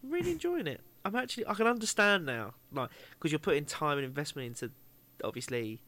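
A man's voice: on the high side, big pitch swings, fast, pushed and bright. A man co-hosting a podcast, jokey and swearing in casual chat. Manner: swears, jokey, laughs a lot. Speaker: podcast co-host.

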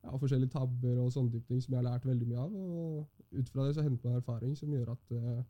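A man in his twenties, a football goalkeeper, answering interview questions in a calm, measured way with many fillers. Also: mid-range voice. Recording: dull lo-fi sound.

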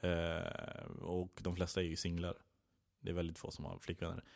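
A man with a low voice talks in a relaxed, joking way, dropping the odd swear word. He comes across as a guest on a casual podcast chat. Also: vocal fry.

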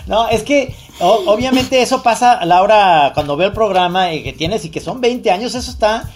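A woman's voice: mid-range voice, expressive, moderate pace, darkish tone, a little hiss or hum. A woman talking casually, phrasing her thoughts in a hesitant, roundabout way. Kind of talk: casual conversation.

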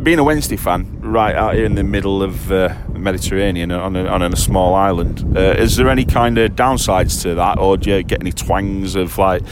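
A man's voice: low-pitched, brisk, hardly any pauses. A man hosting a casual chat, phrasing things loosely and hesitantly. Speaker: interviewer and host. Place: outdoors by the sea. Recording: outdoor recording with clear traffic and ambient noise.

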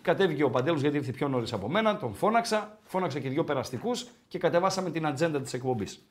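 A man's voice: fairly high pitch, animated. A man hosting a casual sports talk show, telling stories and teasing his co-host. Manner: storytelling, mimics dialogue in quotes; bantering, teasing.

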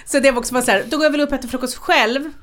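A woman's voice: high-pitched, fairly even intonation, a bit bright, slight background noise. A woman co-hosting a casual podcast chat, telling stories in a chatty way and laughing easily. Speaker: podcast co-host. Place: office studio.

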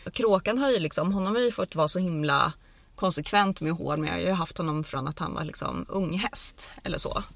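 A woman co-hosts a casual podcast from a parked car, with a creaky, gravelly edge to her voice. She tells candid stories and livens them up by acting out quotes. The sound is dry and close. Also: fairly low pitch, no room sound. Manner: candid, animated storyteller who acts out quotes. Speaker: podcast co-host. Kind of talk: casual chat.

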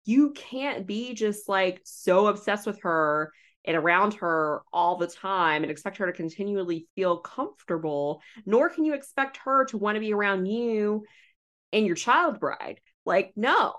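A woman co-hosting a podcast, chatting casually and animatedly about a reality show, swearing often and acting out the cast's lines. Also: a little slow. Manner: animated, swearing, acts out quotes with rising pitch. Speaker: podcast co-host. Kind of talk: casual reality TV recap chat.

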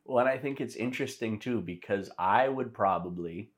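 A man's voice: fairly low pitch, moderate pace. A man chatting casually on a podcast, rambling and hedging with lots of "like".

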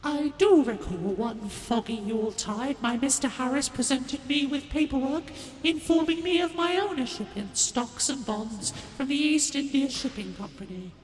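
A woman's voice: sits high, moderate pace, close to an everyday voice. A woman playing the ghost of an old-fashioned suffragette in a comedy radio sketch, using a haunting, solemn ghost voice. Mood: polite, chatty. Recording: long ghostly reverb, echoing, some noise.

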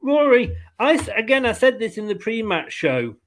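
A chatty man with a notably high voice hosts a football fan call-in. He talks casually and tends toward the apologetic, like someone talking among fellow fans. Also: big pitch swings, moderate pace, fairly bright tone, a little hiss or hum.

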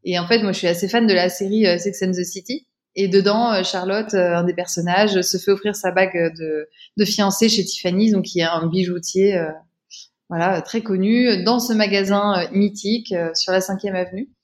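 A woman's voice: medium pitch, fairly even intonation, normal speed. A woman, a guest in an interview, telling a personal story casually, with many fillers and restarts.

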